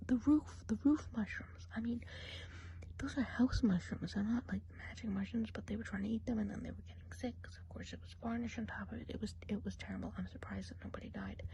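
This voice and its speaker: In a soft, breathy whisper, a woman plays a friendly, gossipy witch of the woods in a hushed, chatty ASMR role play. Her voice is mid-range, and the audio quality is poor.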